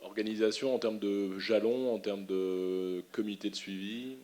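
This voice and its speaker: A man's voice: fairly low pitch, steady tone, unhurried, darkish tone. A man in the audience of a conference putting a spontaneous question to the speakers.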